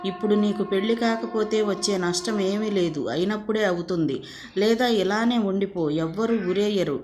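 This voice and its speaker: A woman voicing a grieving, sharp-tongued middle-aged mother who scolds and laments in a storybook reading. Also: mid-range voice, normal speed, over music, natural voice. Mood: pleading.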